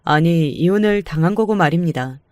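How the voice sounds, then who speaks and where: Calm woman narrating a family story. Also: on the low side, brisk, no echo. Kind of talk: first-person radio story narration.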